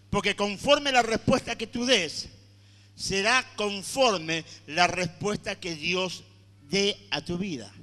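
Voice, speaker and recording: A male pastor preaching a sermon to his congregation, moving between loud dramatic lines and hushed ones. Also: sits high. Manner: addresses the congregation directly. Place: church hall with congregation. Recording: long hall reverb.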